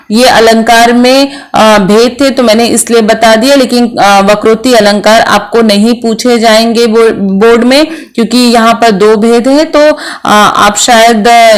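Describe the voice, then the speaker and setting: A middle-aged woman teaching a Hindi lesson online, explaining step by step and reading verse examples aloud. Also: a little high.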